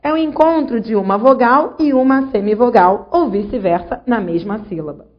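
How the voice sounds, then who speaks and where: A woman's voice: on the high side, normal speed. Woman teaching grammar, slightly muffled. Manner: didactic, addresses student directly with check-ins. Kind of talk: online grammar lesson.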